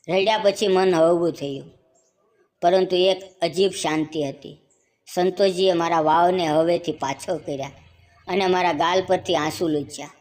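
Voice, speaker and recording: A woman narrating a first-person family story in a calm, measured way. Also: on the low side.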